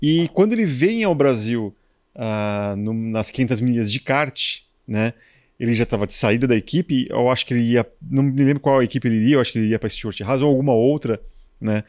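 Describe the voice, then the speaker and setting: A man's voice: mid-range voice, brisk, darkish tone, no room sound, clean studio sound. A man from Brazil, a motorsport journalist, telling anecdotes in casual conversation with colloquial asides.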